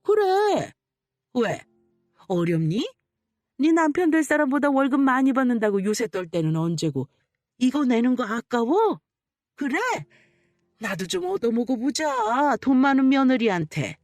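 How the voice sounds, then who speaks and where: A woman voicing a domineering middle-aged mother-in-law who sneers and scolds slowly, in a radio story reading. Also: on the high side, animated, no room sound, studio quality, faint music behind. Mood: scornful.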